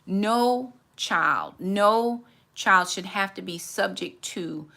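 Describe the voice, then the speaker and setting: A woman's voice: medium pitch, drawn-out words, vocal fry, pushed and bright. A woman in her forties hosting a candid, reflective faith talk, earnest and often repeating words as she gathers her thoughts. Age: 40s.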